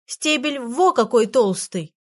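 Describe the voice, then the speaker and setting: Female reader doing tiny pushy storybook creature, high, excitable, tattling. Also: moderate pace. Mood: chirpy. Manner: lively, exclaiming, tattletale.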